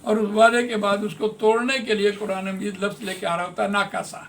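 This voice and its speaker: A man teaching Quran translation in a classroom lesson, patiently explaining grammar and repeating words slowly. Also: high voice, little pitch movement.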